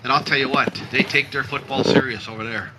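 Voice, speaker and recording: A man's voice: mid-range voice, fairly even intonation, fairly quick, background noise. A man from Michigan emceeing an outdoor timber show, cracking jokes and teasing the crowd. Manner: wisecracking, self-deprecating, teasing the audience. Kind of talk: joking crowd banter over a PA. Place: outdoor festival stage.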